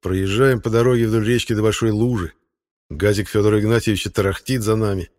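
A first-person novel is read aloud by a male audiobook narrator with a lowish voice. He keeps a brisk pace and tells the story in an even, matter-of-fact way.

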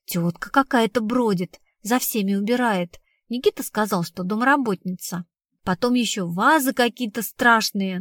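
A woman's voice: medium pitch, no echo, studio quality, close to an everyday voice. A woman reading the part of a blunt, streetwise young woman who tells her story in slangy, casual speech. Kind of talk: audiobook reading.

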